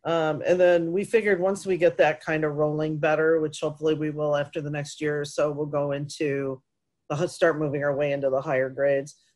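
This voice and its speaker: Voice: medium pitch, little pitch movement, brisk, a little mellow. An adult organizer speaking casually and encouragingly to a meeting group. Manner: easygoing, encouraging, conversational.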